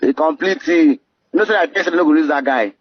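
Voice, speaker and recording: A man's voice: fairly high pitch, fast, slightly rough, no room sound. A man with a Nigerian accent, heard in a played-back phone voice message, talking insistently and repeating words in casual chat. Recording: dull phone voice note.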